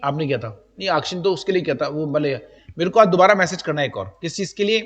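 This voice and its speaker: A male teacher with a notably high voice, lecturing to a room of students. He talks to them directly and chattily, dropping English terms into his speech. The room rings with a long, lingering reverb. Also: expressive, quick pace, fairly bright tone. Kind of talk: live classroom lecture. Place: classroom with students.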